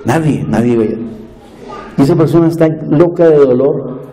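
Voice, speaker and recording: A man preaching a sermon with impassioned, drawn-out phrasing, dropping to a hush and rising to loud cries. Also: a little high, rough recording. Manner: impassioned, swinging from hushed to loud.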